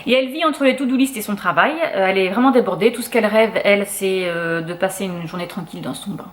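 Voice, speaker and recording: A woman's voice: mid-range voice, fast, a little hiss or hum. A young French woman chatting casually as a book vlogger, full of fillers and restarts. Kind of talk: casual chat.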